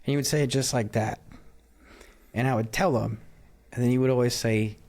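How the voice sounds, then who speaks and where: A young man speaking as an interview guest, telling a story casually, acting out quoted dialogue and dropping quiet when he reflects. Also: mid-range voice, fairly even intonation, brisk. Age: young adult. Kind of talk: conversational storytelling.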